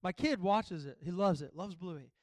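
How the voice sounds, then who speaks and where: A man's voice: high voice, normal speed, no room sound. A man preaching a sermon, telling funny family stories and exhorting the congregation. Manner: humorous, storytelling, preacherly. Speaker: pastor.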